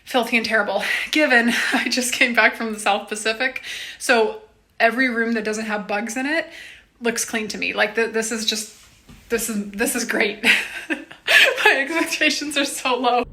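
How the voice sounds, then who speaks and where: A woman's voice: a little high, steady tone, normal speed, pushed and bright, dry recording. An exhausted young American woman talking to her phone camera in a rambling, chatty way, full of fillers and restarts, as she vlogs her travels. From United States. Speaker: travel vlogger. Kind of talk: casual travel vlog.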